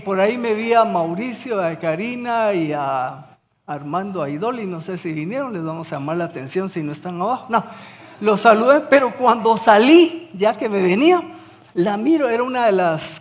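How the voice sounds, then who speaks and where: High-voiced preacher in a reverberant hall. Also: male voice. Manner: conversational, asks the congregation questions, tells anecdotes. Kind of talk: sermon.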